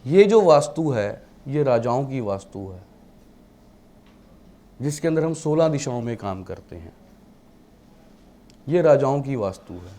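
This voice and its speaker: A man's voice: mid-range voice, big pitch swings, unhurried, long pauses, dark tone. A man teaching a class, mixing English terms into his Hindi and asking the class rhetorical questions. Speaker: vastu teacher. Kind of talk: classroom lecture.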